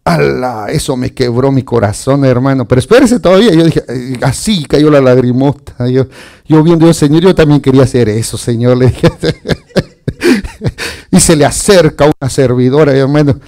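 Gravelly animated male preacher. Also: medium pitch, measured pace. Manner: animated, chuckling, addresses listeners as brother. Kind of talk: lively Spanish sermon.

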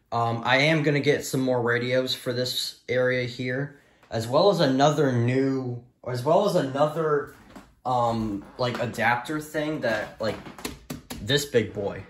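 In an echoey little room at home, a young American man with a medium-pitched voice makes a casual show-and-tell video on the phone he's holding. This hobbyist talks without a script, hesitant and rambling, going over the same points as he shows things on camera.

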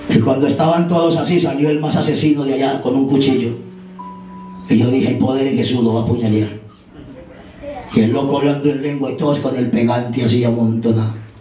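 A man with a Colombian accent telling his testimony in an animated sermon, acting out the voices in his story. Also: medium pitch, a little fast. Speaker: preacher giving his testimony. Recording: echoey hall, far from mic, music behind.

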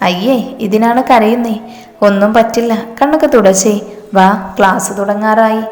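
A woman's voice: fairly high pitch, moderate pace, darkish tone, reverberant, long reverb tail, lightly acted. A woman voicing a young female friend in a read-aloud story who teases and comforts in a coaxing manner. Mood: reassuring.

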